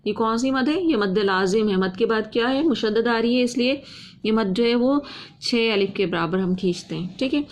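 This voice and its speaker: A woman teaching Quran reading, who drags out each word twice in slow recitation, then explains quickly, asking and answering her own questions. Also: a little high, lively intonation.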